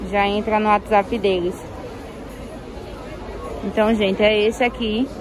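A woman touring a clothing market on her phone camera, talking through a face mask and pointing things out to viewers. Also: mid-range voice. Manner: chatty, keeps saying "ó" and "olha só" to viewers. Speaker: shopping vlogger. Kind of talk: casual market tour vlog. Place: busy indoor clothing market. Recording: crowded market noise behind.

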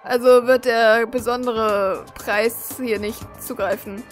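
A woman voicing a greedy, laid-back male student fortune teller in a video game, reading his lines loudly with a pushy salesman patter. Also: a little high, steady tone, slow, faint music behind. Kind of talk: dubbed reading of game dialogue.

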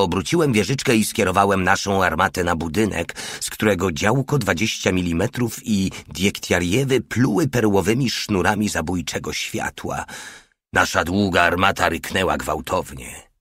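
Deep, husky male audiobook narrator. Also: fairly bright tone, no echo, studio quality. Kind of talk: scripted narration.

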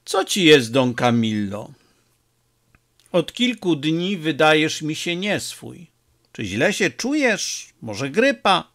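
A man voicing Christ speaking softly and kindly from a crucifix in a storybook reading. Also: fairly high pitch, very animated, slow pace, exaggerated voice. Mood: concerned. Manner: soft, caring.

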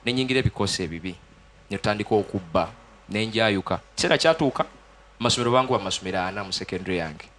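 Fast-talking Ugandan man telling his testimony. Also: fairly low pitch, expressive, fairly bright tone, slight background noise. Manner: earnest, fast-talking, mixes Luganda and English. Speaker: gospel musician guest. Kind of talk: studio interview, personal testimony. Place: TV studio. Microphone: handheld mic.

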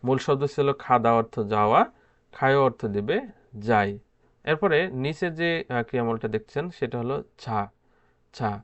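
A man's voice: medium pitch, moderate pace, long pauses, highs cut off. Patient male teacher explaining grammar. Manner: patient, repeats each word and asks questions then answers them. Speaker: language teacher. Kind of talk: grammar lesson.

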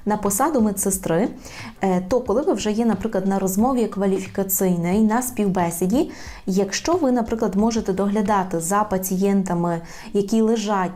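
Warm-voiced woman teaching a language slowly. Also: mid-range voice. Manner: slow, careful repetition of words. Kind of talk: video language lesson.

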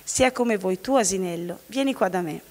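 A woman's voice: mid-range voice, moderate pace, lightly acted. A woman reading aloud the lines of a jovial, generous old king in a fairy tale. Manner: read aloud plainly. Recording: long hall reverb.

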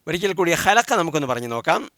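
Male language teacher, fairly high voice, steady drill-and-repeat delivery, dry close recording. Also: rapid-fire, no echo. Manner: drills word forms, each followed by its meaning; asks listeners to repeat after him. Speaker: Quran Arabic teacher.

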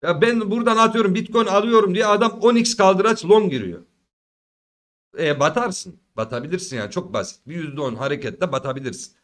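Earnest high-voiced man lecturing viewers. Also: a little fast, fairly bright tone. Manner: earnest, preachy, addresses viewers as friends. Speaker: crypto market commentator. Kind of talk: casual talk to viewers.

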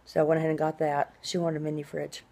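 Speaking fast and completely flat, a middle-aged woman vlogs from a cozy indoor room at home, her low voice dark and creaky. She rambles in a diary-like, conversational way, stretching her s sounds into a hiss.

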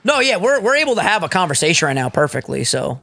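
A man in his twenties co-hosting a gaming playthrough, chatting casually and teasing his friend with quick laughs. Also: sits high, big pitch swings, creaky, bright, forceful tone, no room sound. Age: 20s. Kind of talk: casual chat over gameplay.

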